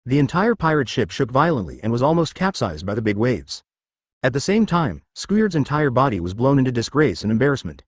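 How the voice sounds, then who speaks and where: A man reading fan fiction aloud as a steady scripted narration. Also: mid-range voice, brisk, husky, no echo, clean studio sound.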